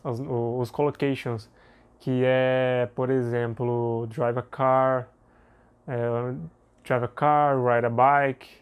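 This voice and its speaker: A young man, giving a casual video lesson in a relaxed, chatty way full of fillers and tag questions. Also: mid-range voice, slow, clear, resonant tone. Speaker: English teacher.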